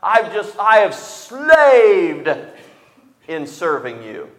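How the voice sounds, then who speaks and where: A man's voice: sits high, wildly swooping pitch, drawn-out words, roomy sound, in a large hall, voice pushed up, heavily acted, low-quality recording. A male preacher voicing a resentful older son who complains in a whiny, sniveling voice. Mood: whiny complaining.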